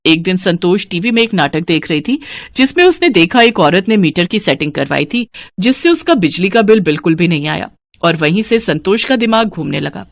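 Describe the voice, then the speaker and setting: A woman's voice: mid-range voice, dry recording. A woman narrating a cartoon family story in a plain storytelling manner. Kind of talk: scripted narration.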